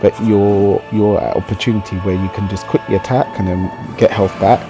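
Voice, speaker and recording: A man with a low voice talks through gameplay in a casual, explanatory style. He chats conversationally as he breaks things down, with music playing clearly behind him. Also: level tone, moderate pace. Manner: explanatory and conversational, often tagging on "you know". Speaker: gaming video commentator. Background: music under the voice.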